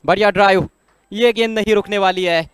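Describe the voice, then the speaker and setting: Male sports voice: excited cricket commentary, high and very clear, close dry sound, exclamatory on big hits. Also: a little fast, dry recording. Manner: exclaims at big shots, voice rising sharply.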